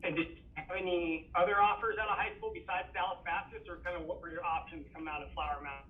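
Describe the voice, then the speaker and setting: A man's voice: high voice, fairly even intonation, quick pace, far from the mic. A man, a sports reporter, asking press conference questions with fillers over a clipped, breaking-up phone line. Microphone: phone call.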